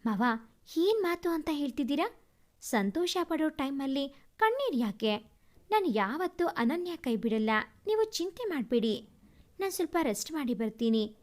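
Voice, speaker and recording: A woman voicing a caring young husband who speaks gently and reassuringly in a storybook reading. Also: sits high, very animated, moderate pace. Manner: earnest, reassuring.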